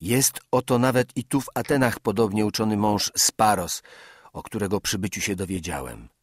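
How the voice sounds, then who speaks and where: Low husky-voiced man reading an oration. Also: dry recording, studio quality. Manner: measured oratorical address to listeners. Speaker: audiobook reader. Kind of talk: scripted narration of a classical speech.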